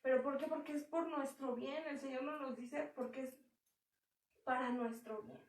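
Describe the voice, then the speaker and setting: Young woman, conversational sermon, high pitch, roomy hall sound. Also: steady tone, normal speed. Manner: conversational preaching with acted quotes. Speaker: church speaker. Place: church hall. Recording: echoey hall from far off.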